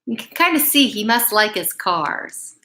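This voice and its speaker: A woman reads a picture book aloud to children as a bedtime story, using deliberate, emphatic phrasing and small asides to her young listeners. Her mid-range voice is sing-song with a sharp tone, and there is slight background noise.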